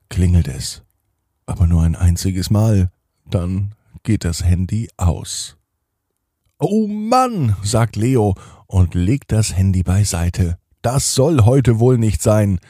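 A man gently narrating a bedtime story and talking straight to children. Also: fairly low pitch, no echo, studio quality. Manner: gentle, addresses children directly.

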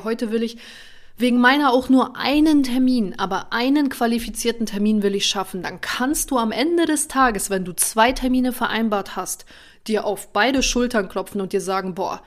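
Upbeat lady giving sales tips on her podcast, talks right at you, punchy and direct. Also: mid-range voice. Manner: energetic, direct, addresses listener as du. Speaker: podcast host, sales coach. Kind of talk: solo podcast coaching talk.

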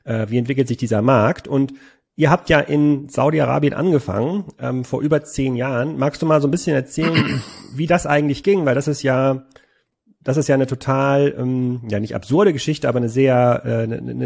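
A male podcast host with a gravelly, creaky edge to his mid-pitched voice. He talks in a loose, conversational way and asks long, rambling questions that speed up as they go. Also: darkish tone. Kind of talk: conversational interview.

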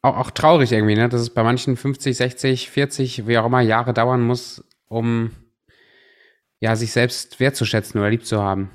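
A man's voice: medium pitch, fairly even intonation, moderate pace. A man hosting an interview, asking the guest long questions. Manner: engaged interviewer, asks long searching questions. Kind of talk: conversational interview.

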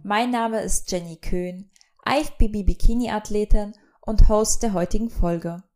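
A woman's voice: mid-range voice, darkish tone. German woman hosting a podcast. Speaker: podcast host. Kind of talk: casual podcast interview.

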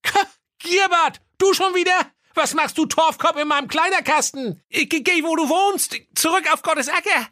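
A grumpy old male miser, scornful and snappish. The voice sits high and sounds sharp and bright. The recording is close and dry, as in a studio audio story. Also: normal speed, no room sound. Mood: snapping.

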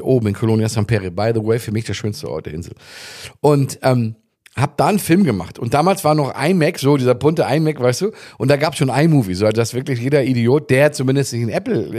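A middle-aged man talks fast and freely, telling stories in a casual podcast conversation. He jumps between scenes and acts out what others said, at a medium pitch. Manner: animated anecdotes, voices others in quotes. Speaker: podcast guest. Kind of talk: casual storytelling chat.

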